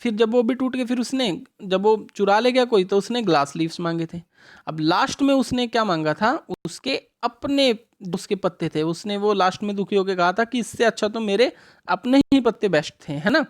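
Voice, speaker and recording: Reading English sentences aloud at a slow pace, a woman with a medium-pitched voice runs a revision lesson in English for school students. Her speech mixes Hindi with English words, and she answers her own questions.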